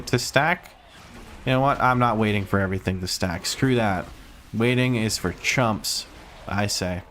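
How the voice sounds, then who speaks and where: A man's voice: fairly low pitch, a bit bright, slight background noise. A man from Croatia with a Croatian accent, casually commenting on his own gameplay on stream, chatty and self-mocking, swearing now and then.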